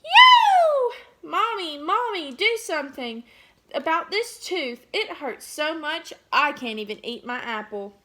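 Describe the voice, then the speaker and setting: A woman playing a little boy yelling about his sore tooth. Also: sits high, very animated, slow pace, background noise, voice pushed up, full character voice. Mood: yelling, whiny. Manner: yelling and whining.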